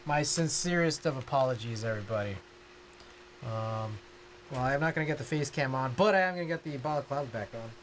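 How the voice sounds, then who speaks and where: A man's voice: medium pitch, brisk. A man hosting a casual livestream while he works, talking informally, half to himself and half to viewers. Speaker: livestream host. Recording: clicks and steady background noise.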